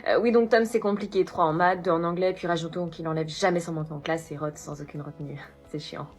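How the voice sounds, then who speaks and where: A woman performing comic sketches, playing many roles in a lively, fast delivery. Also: lowish voice, soft background music. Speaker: comedy sketch creator.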